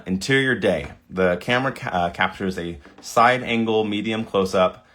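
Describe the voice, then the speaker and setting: A man's voice: low voice, a bit bright. A man reading AI video prompts aloud in a casual commentary, sometimes stumbling over words and reacting with delight. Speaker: video creator. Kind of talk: casual screen-recording commentary.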